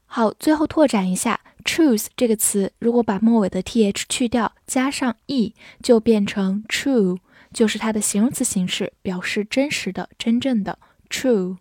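A woman teaching English vocabulary in a clear, patient way, spelling out words and reading model sentences slowly. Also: on the high side, a little mellow, no room sound, clean studio sound. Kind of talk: vocabulary lesson.

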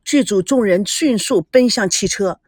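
Woman reading a novel aloud, expressive, close dry mic. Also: medium pitch, normal speed, breathy edge, no room sound. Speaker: narrator. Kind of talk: dramatic audiobook reading.

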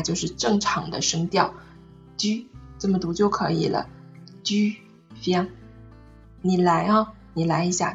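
A woman's voice: on the low side, muffled recording. A woman teacher explaining French pronunciation and intonation in a patient, explanatory way, often asking "right?" to check in. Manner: patient, checks in with rhetorical questions. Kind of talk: online lesson on French intonation.

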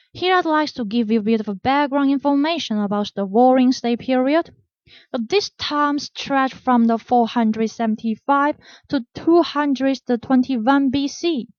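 A woman hosting a storytelling podcast, reading a scripted story in a plain, unhurried way with small grammar slips. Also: high voice, a little mellow, dry recording. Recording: dull, dry lo-fi recording.

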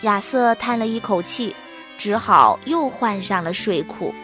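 A woman narrating a children's story in an expressive, animated way. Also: medium pitch, measured pace, soft background music.

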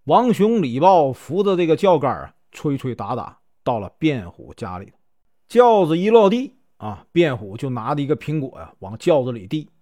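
Male storyteller, Northeastern Chinese accent, chatty, animated pitch, slightly high voice. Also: normal speed. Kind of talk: storytelling narration.

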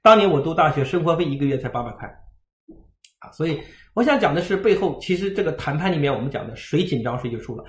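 A man giving a livestream parenting lecture, telling stories in a lively way and acting out the dialogue. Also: a little high, quick pace, reverberant. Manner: lively storytelling, acts out dialogue.

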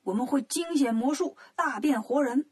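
A woman's voice: sits high, moderate pace, a little mellow, slightly rough. A woman doing a smug fox sorcerer. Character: crafty old male fox sorcerer.

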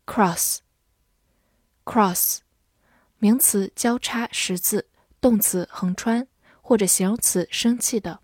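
A young woman teaching vocabulary in a recorded lesson, saying each English word twice clearly, then giving brisk explanations. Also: mid-range voice, no room sound, clean studio sound.

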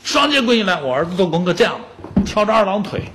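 A man's voice: high-pitched, sing-song, fast talker, a bit bright, slight background noise. A man in his fifties giving a public lecture on music, telling anecdotes and joking with the audience.

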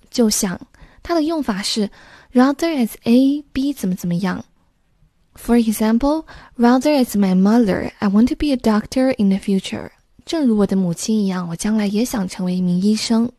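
Calm woman explaining English vocabulary. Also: medium pitch, no echo, clean studio sound. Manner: explains words and phrases step by step, mixing in English terms. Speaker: English teacher. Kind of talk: scripted lesson narration.

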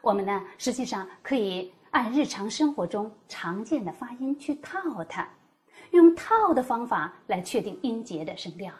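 A woman explaining Mandarin tones as a teacher, demonstrating each tone with exaggerated pitch. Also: big pitch swings, normal speed. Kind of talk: scripted teaching dialogue.

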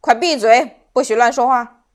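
A woman's voice: a little high, natural voice. A woman voicing a harsh lemon soldier guard who barks scolding orders. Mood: angry. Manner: barking, fast, scolding.

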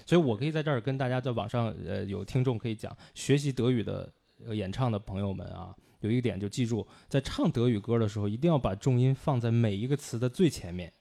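Man explaining classical music on a livestream, gravelly voice, lots of "uh"s. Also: medium pitch, fast talker, hardly any pauses, warm tone. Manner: explanatory, with frequent hesitations. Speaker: music commentator co-hosting a livestream.

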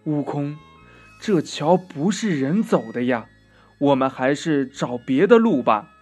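Man doing a soft worried monk in a kids story, kinda timid. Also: on the high side, animated, unhurried, husky, soft background music. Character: gentle timid old monk master.

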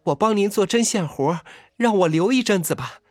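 A man doing a small pleading girl, hoarse and soft. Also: high voice, lively intonation, normal speed, no room sound, faint music behind, voice pushed up. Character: mysterious young girl, small, timid, pleading. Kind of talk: storytelling reading.

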